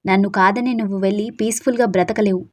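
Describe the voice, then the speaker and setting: Brief: woman voicing a possessive young gangster in an audio drama, shouted menace. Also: mid-range voice, fairly even intonation, fast, close to an everyday voice. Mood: possessive threat. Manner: shouted threats. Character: brooding young male gangster lover, possessive and fierce.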